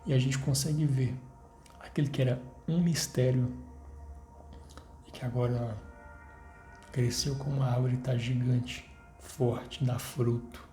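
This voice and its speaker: A man's voice: mid-range voice, fairly even intonation, unhurried, pauses often, warm tone. A young man in his twenties with a Brazilian Portuguese accent, giving an earnest personal faith testimony to his viewers and repeating phrases as he urges them on. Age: 20s. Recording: roomy echo, faint music behind.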